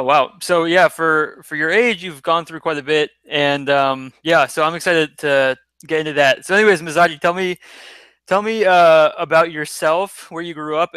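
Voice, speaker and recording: A man's voice: a little high, sharp tone, smooth, dry recording. A man hosting a casual interview with a former student, asking friendly, rambling questions. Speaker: interview host, former teacher. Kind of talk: casual video-call interview.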